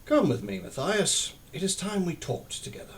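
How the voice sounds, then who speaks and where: A man voicing an old male abbot mouse, wise and stern but kind, speaking wearily and gently. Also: medium pitch, very animated, a little hiss or hum, close to an everyday voice. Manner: weary, gentle and slow.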